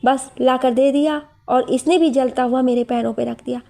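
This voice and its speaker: A woman's voice: sits high, steady tone, normal speed, vocal fry, dark tone, soft background music. A woman voicing an injured young man who complains and makes demands. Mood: complaining.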